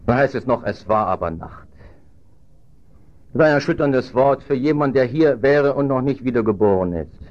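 Male preacher, earnest sermon, moves between hushed lows and loud highs, mid pitch, lo-fi sound. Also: expressive, moderate pace. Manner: earnest, swings from low and quiet to loud and high for emphasis.

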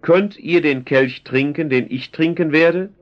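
A calm, authoritative male teacher, read aloud by a man addresses his followers in slow, solemn tones. The manner is measured and gently commanding, and the recording is dull and lo-fi. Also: a little high, natural voice.

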